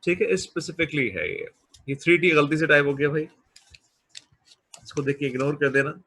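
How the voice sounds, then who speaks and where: A male teacher giving a classroom lecture, coaxing students and drilling pronunciation by slowly repeating words. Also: fairly high pitch, bright, forceful tone, slight background noise. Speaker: business English teacher.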